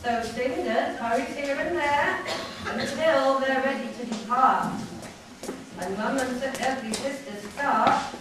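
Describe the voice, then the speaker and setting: A woman's voice: high voice, measured pace. A woman narrating a stage pantomime in scripted rhyming verse with projected storytelling delivery. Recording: echoey hall, distant microphone, noisy background.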